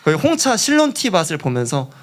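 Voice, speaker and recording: A man's voice: fairly high pitch, wildly swooping pitch, fairly quick. A young man preaching as a junior pastor in a church, telling a story with animation, acting out quoted voices and laughing along. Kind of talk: storytelling sermon.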